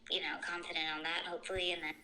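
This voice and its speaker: A woman's voice: fairly low pitch, little pitch movement, very fast, pushed and bright, a little hiss or hum. A woman talking casually and informally over the phone, hedging and trailing off mid-thought. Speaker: content creator, prospective client. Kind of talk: casual chat on a phone call.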